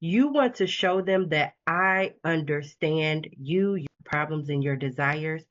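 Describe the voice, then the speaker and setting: A woman sales coach on a video call, talking with lively, encouraging conviction and frequent laughs. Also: low voice, unhurried, dull audio. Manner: animated, laughing, preachy encouragement. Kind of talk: casual video call chat.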